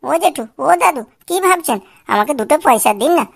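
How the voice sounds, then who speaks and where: A whiny, wheedling cartoon beggar man, voiced by a woman, begging in a high, gravelly sing-song. The words come fast and pitched up, with a rough fry at the edges. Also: animated. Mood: pleading. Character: whiny male beggar voice from a speaker box. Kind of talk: comic cartoon voice acting.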